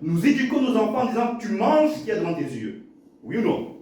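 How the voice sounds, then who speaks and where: A man's voice: sits high, sing-song, a little fast, darkish tone, slight background noise. A man preaching a sermon as pastor, repeating his phrases and stammering now and then. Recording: echoey hall from a distance.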